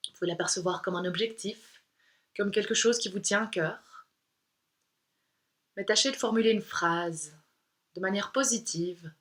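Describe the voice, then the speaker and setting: A woman yoga teacher leading a guided yoga nidra meditation, speaking slowly and softly. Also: medium pitch. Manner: slow, calm, soft-spoken guidance.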